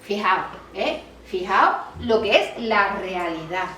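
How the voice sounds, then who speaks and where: Animated woman lawyer, roomy distant sound. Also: mid-range voice, takes it slowly, a little hiss or hum. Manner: animated storytelling, acts out quoted dialogue. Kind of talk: talk at a public colloquium. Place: meeting room. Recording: roomy, distant mic with faint ambience.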